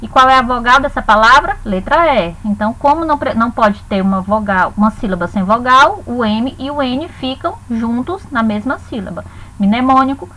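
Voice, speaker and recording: Bright high-voiced teacher. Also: female voice, low-quality recording. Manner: slow, spelled-out dictation of syllables. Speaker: Portuguese teacher. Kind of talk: recorded grammar lesson.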